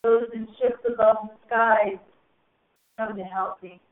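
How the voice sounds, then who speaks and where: Slow, solemn woman on a tinny phone line. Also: fairly high pitch, fairly even intonation. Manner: slow, solemn, drawn-out phrasing with soaring rises. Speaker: spiritual channeler. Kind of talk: channeled spiritual message to a group. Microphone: phone call.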